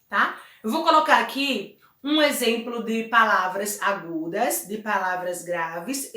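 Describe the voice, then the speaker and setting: A Brazilian woman teaching a Spanish lesson, her voice bright and clear and a little high for a woman. She talks slowly and patiently, dwelling on each example word. The room gives her voice a noticeable echo. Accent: Brazilian Portuguese. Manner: friendly, chatty explaining with frequent "tá?" and "né?"; slows down to spell out example words. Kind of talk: recorded remote class lesson.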